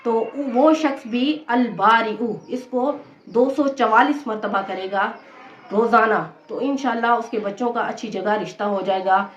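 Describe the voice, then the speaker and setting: A woman's voice: on the high side, measured pace. A woman, a religious teacher, giving patient devotional instruction and repeating key points steadily. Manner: steady, patient explaining with frequent repetition. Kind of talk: devotional instruction on prayer recitations. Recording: roomy, dull lo-fi recording.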